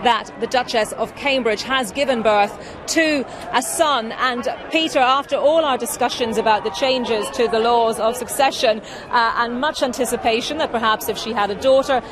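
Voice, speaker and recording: A woman reports breaking news live from outdoors in a fairly high voice. She improvises a little haltingly as updates reach her, with a clearly audible crowd behind her. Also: background noise. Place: outdoors outside a hospital. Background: large cheering crowd.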